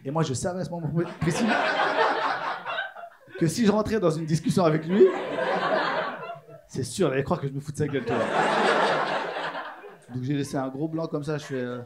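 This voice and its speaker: A man's voice: a little high, normal speed, long pauses, very noisy. A man doing a casual, chatty stand-up routine in a comedy club. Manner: casual, chatty, lots of "tu sais". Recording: live club audience laughter.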